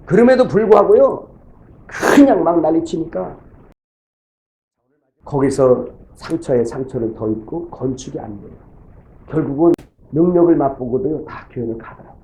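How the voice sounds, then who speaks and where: A man's voice: fairly high pitch, expressive, moderate pace, long pauses, warm tone, low-quality recording. Folksy middle-aged male pastor preaching. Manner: folksy storytelling sermon, acting out church members' voices. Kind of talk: sermon.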